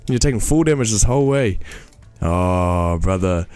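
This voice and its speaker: Excitable young man narrating gameplay. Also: low voice, moderate pace, slight background noise. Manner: excitable, laughs often, says "bro" a lot. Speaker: gamer. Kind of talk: casual gameplay commentary.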